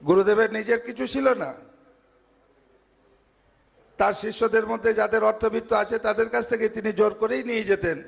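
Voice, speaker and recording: A man with a high, gravelly voice preaches to devotees, earnest and patient, building each point through repeated parallel phrases. His words ring out with the long reverb of a large ashram hall. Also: steady tone, normal speed, long pauses. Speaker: monk giving a speech at a devotee gathering. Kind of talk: devotional sermon.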